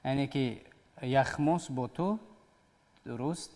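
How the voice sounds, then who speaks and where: A man's voice: medium pitch, darkish tone. A man hosting a TV English lesson, patiently explaining grammar step by step. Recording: long hall reverb.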